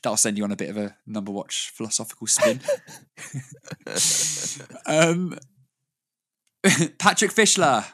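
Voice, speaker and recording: A man's voice: lowish voice, expressive, moderate pace, long pauses. A British man co-hosting a casual podcast chat, rambling with frequent laughs and restarts. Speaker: podcast co-host.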